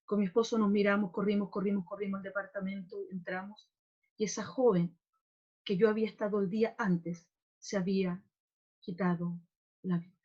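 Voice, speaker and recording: A woman's voice: medium pitch, little pitch movement, normal speed. A middle-aged woman pastor giving a heartfelt, emotional testimony in a sermon. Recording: dull lo-fi recording.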